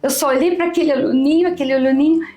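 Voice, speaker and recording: High-voiced woman telling a story. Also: fairly even intonation, very fast, mellow, soft background music. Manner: emotional, repetitive, often addresses the host by name. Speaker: teacher, interview guest. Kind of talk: heartfelt personal storytelling.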